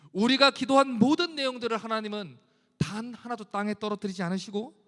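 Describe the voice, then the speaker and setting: A man's voice: extremely high pitch, fairly bright tone, in a large hall. A male pastor preaching a sermon in a church, earnestly reciting scripture and building in force. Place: church sanctuary.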